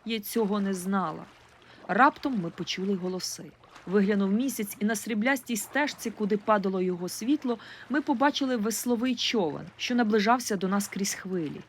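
A woman reading a first-person audiobook in an expressive, lively storytelling manner. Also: mid-range voice, fairly quick, a little hiss or hum. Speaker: audiobook reader.

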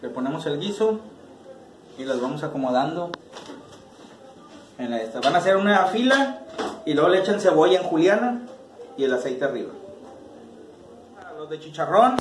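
This cooking channel host, a thirties-aged man with a Mexican accent, chats relaxedly to the camera while chopping and stirring in his small home kitchen. His pitch is slightly high, his speed normal, and he leaves long pauses. Audio comes from a camera mic at medium distance, and the kitchen sounds echoey with a little noise.

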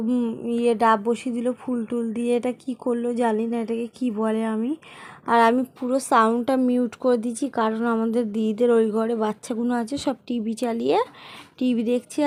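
A middle-aged woman with a slightly high voice narrates a family home vlog, chatting casually and rambling as she speaks directly to her viewers.

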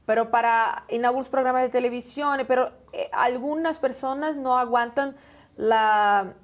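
A young woman with a Brazilian Portuguese accent answers interview questions in a fairly high voice. Portuguese is her first language, and she feels her way toward each word, now and then asking for one. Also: steady tone, moderate pace. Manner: searches for words, asks for help with them. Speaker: singer, interview guest.

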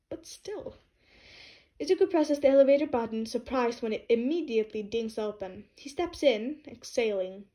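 A young woman with a fairly high voice reads fan fiction into a home microphone. Her delivery is relaxed and unpolished, with small slips, restarts and repeated words as she goes. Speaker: podfic reader. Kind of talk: casual audiobook reading of fan fiction.

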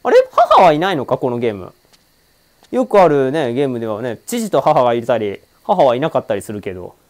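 A man giving casual commentary over a game, excitable and joking as he talks back at the screen. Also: mid-range voice, fairly quick. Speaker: let's-play streamer.

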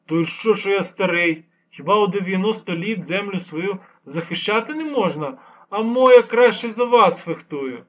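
A lisping ninety-year-old man, stubborn and teasing, who lectures younger men as if they were children, as an audiobook narrator puts him on. The voice is pitched up and husky, and the recording sounds dull and lo-fi. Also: expressive, normal speed, a bit bright. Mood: lecturing, teasing. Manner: mocking, patiently lecturing.

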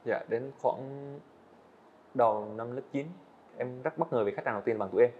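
At normal speed and a medium pitch, an eighteen-year-old animator shares his story as a podcast guest, earnest and candid with hesitant restarts. There's a little hiss or hum, and the indoor studio recording sounds dull and lo-fi.

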